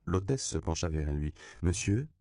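A man with a very deep, gravelly voice reads a novel aloud in measured scripted narration. His tone is dark yet smooth, recorded close and dry. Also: no echo. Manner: measured, storytelling. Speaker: audiobook narrator.

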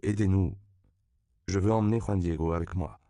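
A trembling middle-aged man in a storybook pleads and implores in a slightly raised voice, as the narrator puts him on. His tone stays gravelly underneath. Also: low voice, normal speed, dark tone, no room sound, clean studio sound. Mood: pleading. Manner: tremulous, imploring.

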